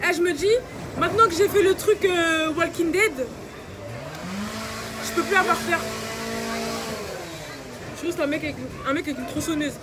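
Young woman, really high voice, slangy casual chat, lots of outdoor noise behind. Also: steady tone, moderate pace, pauses often. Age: 20s. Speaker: vlogger. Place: outdoors at a busy funfair. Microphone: phone at arm's length. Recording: noisy outdoor fairground with crowd.

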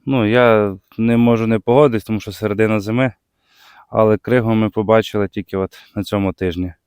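Low-voiced Ukrainian man ice fishing. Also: brisk, clear, resonant tone, no echo, clean studio sound. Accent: Bukovina Ukrainian. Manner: excited exclamations when a fish bites. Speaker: fishing vlogger. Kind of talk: casual commentary while ice fishing. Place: outdoors on a frozen lake.

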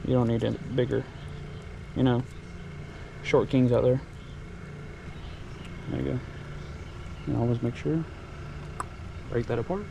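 This pond-side fishing vlogger talks in a creaky, mid-range voice at a measured pace, pausing often. The outdoor camera audio is lo-fi and noisy. He's laid-back and slangy, perking up with excitement over his catches.

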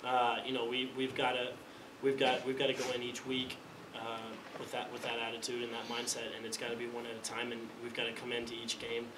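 Young male athlete, rapid flat delivery, restarts phrases constantly; roomy press room, mic at a distance. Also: medium pitch. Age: young adult. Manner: halting, repeats words as he restarts phrases. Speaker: college quarterback. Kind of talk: postgame press conference answers. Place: press conference room, indoors. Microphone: table mic in front of him. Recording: echoey room, distant mic, background noise.

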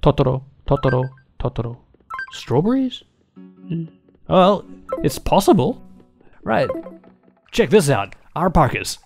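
Here a commentator narrates gameplay in a casual, joking, exclamatory style, straying into rambling asides. The mid-range, darkish voice is very animated yet measured in pace, with long pauses, and video game music plays behind it.

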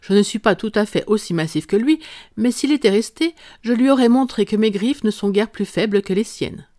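A reader voicing a calm, ironic male detective who lays out his reasoning in an audiobook. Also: medium pitch, a little fast, dry recording, clean studio sound, voice pushed up, close to an everyday voice. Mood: composed, amused. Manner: composed, dryly amused, explanatory. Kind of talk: audiobook character reading.

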